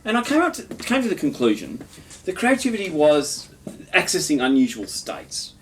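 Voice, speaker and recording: A man's voice: on the high side, huge pitch swings, moderate pace, distant mic, slight background noise. Rambling man in his fifties. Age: 50s. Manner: rambling, full of restarts and chuckles. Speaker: poet. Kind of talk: poetry reading then casual chat. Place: his home.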